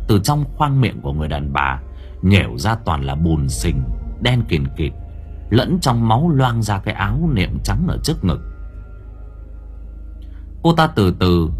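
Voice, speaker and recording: A man reading a horror story aloud as an audiobook narrator, with dramatic, suspenseful delivery. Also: on the low side.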